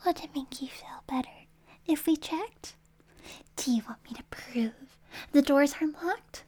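Woman as unstable captor girl, not human, very high, slow, breathy whispers, possessive. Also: dark tone. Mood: coaxing, menacing. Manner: mostly whispered, coaxing, suddenly snapping. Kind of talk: ASMR roleplay.

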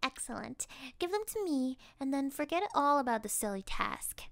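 A woman's voice: high-pitched, expressive, fairly bright tone, no echo, exaggerated voice. A woman voicing a mocking, obsessive female hypnotist who keeps a captive under her control, in an audio roleplay. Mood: commanding. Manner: teasing, slow and breathy, often laughing.

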